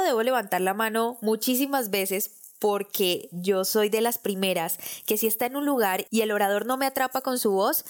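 Woman, podcast host, scripted lesson, clear measured delivery, mid-pitched voice. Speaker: podcast host teaching public speaking.

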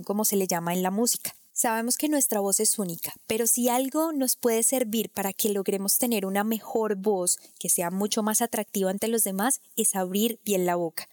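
A woman voice coach explaining technique in a clear, didactic way, speaking straight to the listener. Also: mid-range voice, darkish tone, dry recording, studio quality. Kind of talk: instructional talk to camera.

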